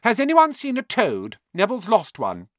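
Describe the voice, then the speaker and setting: A man voicing a bossy know-it-all schoolgirl of eleven who talks very fast. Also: high-pitched, wildly swooping pitch, no room sound, studio quality, voice pushed up. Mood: bossy, eager.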